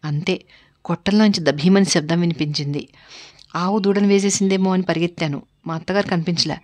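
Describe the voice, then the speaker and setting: Lady reading a family story out loud, low-ish voice, calm and steady. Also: brisk. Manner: steady first-person storytelling. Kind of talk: storybook narration.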